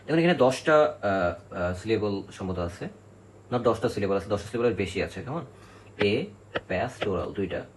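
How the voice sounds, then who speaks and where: A man's voice: medium pitch, background noise. A male literature teacher giving an exam-prep lecture, explaining step by step, counting syllables aloud and often checking in with his students.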